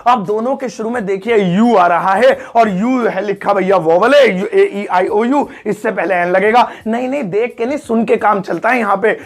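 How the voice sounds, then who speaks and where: A man teaching an English grammar lesson, joking and teasing his students and drawing words out slowly. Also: high-pitched. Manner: joking, playful teasing of students, drawn-out slow-motion sounds.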